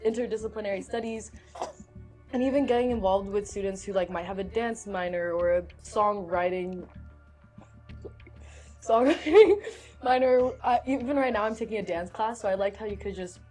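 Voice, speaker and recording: A woman's voice: mid-range voice, moderate pace, a little mellow, soft background music. A young woman, a student ambassador, earnestly explaining her choice of school in casual chat. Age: young adult.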